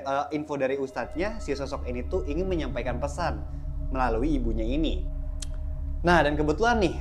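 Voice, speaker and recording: A man's voice: mid-range voice, slight background noise. A man telling a horror story in a casual, chatty way, addressing his listeners directly.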